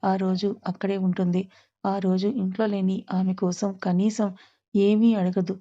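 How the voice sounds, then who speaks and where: Steady, flat-toned woman storyteller. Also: medium pitch, unhurried. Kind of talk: storybook narration. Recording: slightly dull lo-fi recording.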